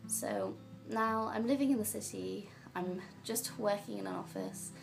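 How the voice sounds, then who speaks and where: Woman, 20s, from Yorkshire; very fry-heavy voice, sentimental life-story voice-over over music. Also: mid-range voice, big pitch swings, a little slow. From Yorkshire, England. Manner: reflective, fond and sentimental. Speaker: vlogger. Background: music backing.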